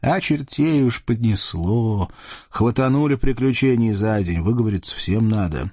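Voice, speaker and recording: A man's voice: medium pitch, moderate pace, warm tone, no echo, clean studio sound. A man narrating a fairy tale in a playful, folksy way, addressing the readers. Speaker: storyteller. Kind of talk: expressive audiobook narration.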